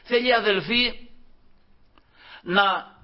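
A man preaching a sermon to his congregation, acting out quoted figures in a raised voice. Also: sits high. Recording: dull lo-fi recording.

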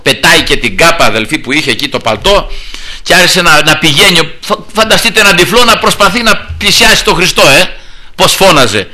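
A man preaching a fervent sermon, often addressing his listeners as brothers and repeating "thank God" as a refrain, swinging between soft asides and loud shouted praise. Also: on the high side, animated. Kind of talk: Pentecostal-style sermon.

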